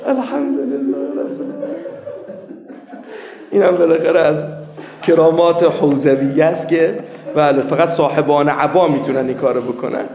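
Male cleric, humorous storytelling, gravelly, animated pitch, echoey room. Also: crowd noise. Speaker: cleric and seminary teacher. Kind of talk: humorous anecdote in a talk.

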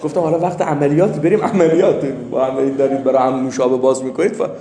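A man, a cleric and seminary teacher, telling a humorous anecdote in a lively, animated way. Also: medium pitch, slight background noise. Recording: echoey room.

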